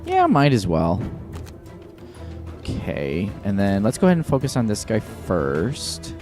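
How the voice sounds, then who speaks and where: A man's voice: lowish voice, wildly swooping pitch, measured pace, a little mellow, faint music behind. A man hosting a livestream, commenting casually on a game and thinking his moves through aloud. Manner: thinks aloud, lots of fillers. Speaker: livestream host.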